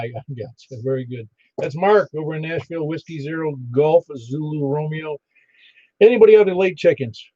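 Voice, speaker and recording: Male net controller, fairly high mellow voice, halting easygoing roll call, dull ham radio audio. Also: no room sound. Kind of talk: informal radio roll call with phonetic call signs.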